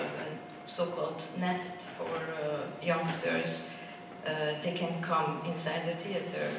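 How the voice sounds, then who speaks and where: At a symposium, a Romanian woman gives an unscripted conference presentation, speaking slowly and haltingly as she searches for words in a language not her own. Her voice is slightly low. She is picked up from a distance in a big, highly echoey theater hall with noticeable background noise.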